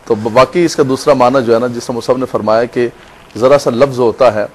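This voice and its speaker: Measured male religious scholar. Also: mid-range voice, fairly even intonation, darkish tone, slight background noise. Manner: measured, explanatory, quotes Arabic. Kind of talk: explaining religious points in chat.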